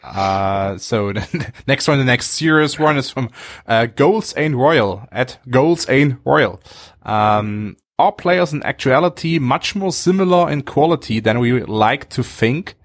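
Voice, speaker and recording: A man's voice: medium pitch, lively intonation, a little slow, no room sound, clean studio sound. A man hosting a podcast, reading out listener questions hesitantly with many fillers. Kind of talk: casual podcast chat.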